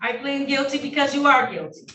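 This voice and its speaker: A woman judge running formal hearings, brisk and polite, heard in a courtroom recording. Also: sits high, expressive, pushed and bright. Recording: echoey room heard from a distance, faint noise.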